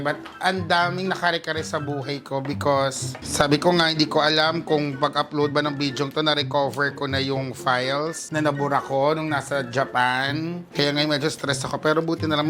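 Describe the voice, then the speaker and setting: A man with a Filipino accent hosting a casual haul vlog, campy and playful, jumping from quiet asides to loud squeals. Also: on the high side. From Philippines. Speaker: vlog host.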